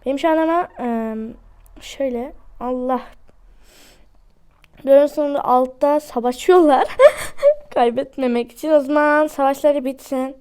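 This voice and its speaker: A woman giving chatty, excitable commentary to her viewers while she plays a game at home. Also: sits high, a little slow, long pauses. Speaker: gaming YouTuber. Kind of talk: casual gameplay commentary.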